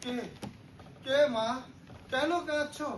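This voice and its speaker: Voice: high-pitched, fairly even intonation, slow. A performer playing an old grandfather who answers earnestly and urges protest. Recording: echoey hall from far off, faint noise.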